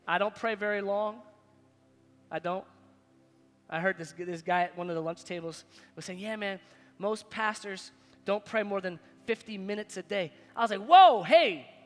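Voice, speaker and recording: A man in his forties preaching a sermon as pastor, animated, swinging between loud high bursts and quiet low asides. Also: normal speed. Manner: animated, preaching with big swings in loudness and pitch. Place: large stage in a church hall. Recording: long hall reverb, faint music behind.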